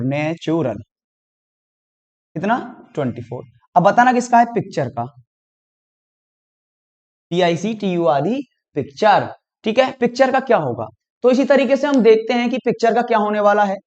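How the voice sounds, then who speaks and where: A man's voice: sits high, darkish tone, muffled recording. A male teacher working through exam reasoning questions, guiding students step by step and checking in with them as he goes. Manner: talks students through each step, often says "dekhiyega" and "theek hai ji". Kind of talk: exam prep lesson.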